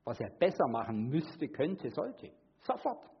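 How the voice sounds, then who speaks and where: Earnest male preacher, slightly high voice, swings from hushed to emphatic. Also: big pitch swings, measured pace, lo-fi sound, a little hiss or hum. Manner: acts out quoted voices with sudden high pitch. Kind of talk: sermon.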